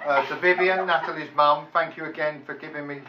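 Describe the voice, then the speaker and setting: A middle-aged man gives a prepared wedding speech as father of the bride, halting and self-deprecating. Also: on the high side, fairly even intonation. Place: large function room at a wedding reception. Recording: echoey room, distant mic, muffled, loud noise.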